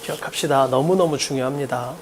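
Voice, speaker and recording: A man teaching an exam-prep English lesson, drilling students with quick rhetorical questions and emphatic repetition. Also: medium pitch, noisy background. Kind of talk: recorded exam-prep lecture.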